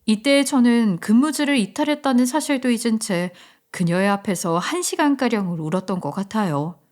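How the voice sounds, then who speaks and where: A woman reading a story as the narrator, in a soft, confiding way. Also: a little high, lively intonation, normal speed.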